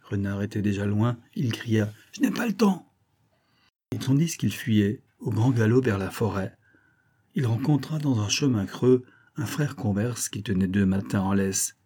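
A man reads a storybook aloud with a measured, even delivery. His voice is mellow and soft, with a husky grain. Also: fairly low pitch. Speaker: narrator. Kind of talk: storybook reading.

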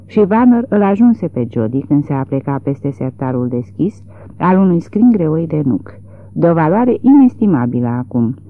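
Lively audiobook narrator on tinny audio. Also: medium pitch. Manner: expressive, dramatic storytelling.

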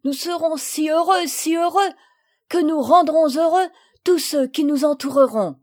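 A woman's voice: high voice, measured pace, pitched above the performer's own voice. A woman reading the part of an affectionate young son, speaking eagerly with rising, exclaiming phrases. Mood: excited. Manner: excited, breathless, exclaiming.

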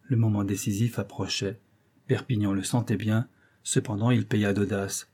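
A man narrating a classic novel in a measured, storytelling manner. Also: fairly low pitch, little pitch movement, mellow, breathy edge. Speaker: audiobook narrator. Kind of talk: literary narration.

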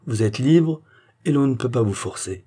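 A man's voice: medium pitch, animated, normal speed, dark tone, slightly rough. A man voicing a timid, flustered village mayor in an audiobook reading. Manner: hesitant, stammering.

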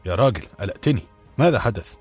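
Storybook prince, jovial and worldly, voiced by a man, low and husky. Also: animated, fast talker, darkish tone, soft background music. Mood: teasing. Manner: hearty, teasing, confident.

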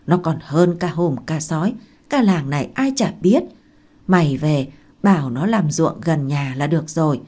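A woman reading aloud and voicing a blunt, gruff old village woman who scolds loudly and talks coarsely. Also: low-pitched, animated, normal speed. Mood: scolding.

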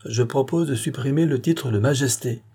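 A man reading aloud voices an insistent male revolutionary deputy with raised, emphatic delivery and a husky tone. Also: mid-range voice, moderate pace, mellow, voice pushed up. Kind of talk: audiobook reading.

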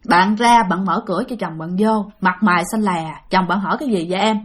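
A woman's voice: medium pitch, brisk, breathy edge. Southern Vietnamese woman telling ghost stories. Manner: chatty, addresses listeners directly. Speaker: storyteller. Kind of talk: ghost story narration.

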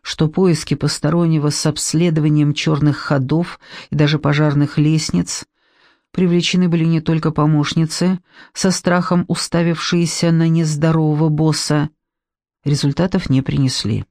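A woman narrating an audiobook in a measured, deliberate reading. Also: sits low, fairly even intonation, warm tone, no echo, clean studio sound.

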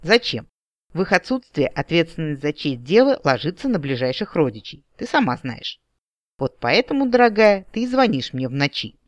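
A man's voice: fairly high pitch, sing-song, normal speed, no echo, muffled recording. A man voicing a teasing, ironic elder brother talking on the phone in an audiobook. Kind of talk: audiobook character voice.

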